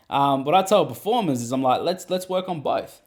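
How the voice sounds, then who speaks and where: A man's voice: a little high, lively intonation, a little slow, darkish tone. A man, an acting coach, chatting casually and rambling with lots of "you know what I mean.". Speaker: acting coach and podcast host. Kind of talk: casual advice chat.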